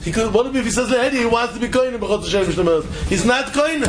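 A man's voice: extremely high pitch, quick pace, a crowd in the background. A man with lecturing informally as a Talmud teacher, asking rhetorical questions and repeating phrases for emphasis.

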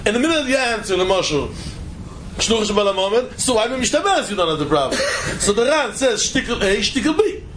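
A man's voice: high voice, very animated, fairly quick, a bit bright, slight background noise, poor audio. A man with lecturing informally as a Talmud teacher, asking rhetorical questions and repeating phrases for emphasis.

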